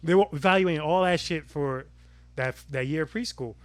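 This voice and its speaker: A man's voice: normal speed, no echo. A young man co-hosting a podcast, rambling through childhood memories with lots of fillers and trailing-off phrases. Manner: rambling, filler-heavy, drops low when thoughtful. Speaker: podcast co-host. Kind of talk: casual chat.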